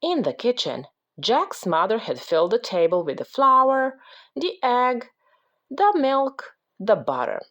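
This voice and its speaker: A woman reading a children's picture book aloud as a parent, with slow, expressive storytelling. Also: a little high, muffled recording.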